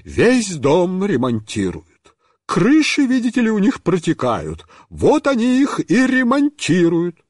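A man voicing a fussy middle-aged woman neighbor with a shrill, squealing voice, huffing and boiling over with indignation. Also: huge pitch swings, slow, no echo, studio quality, exaggerated voice. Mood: indignant.

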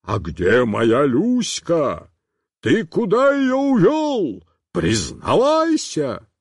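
A man voicing a burly potbellied grown man who shouts angry accusations, in a storybook reading. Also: high-pitched, huge pitch swings, slow, no room sound, clean studio sound, heavily acted. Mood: angry shouting.

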